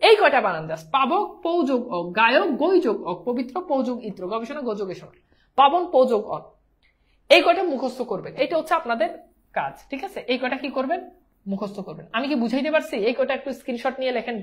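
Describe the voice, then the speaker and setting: A woman teaching an exam-prep grammar class, often checking whether her students understand and mixing English words into her speech. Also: sits high.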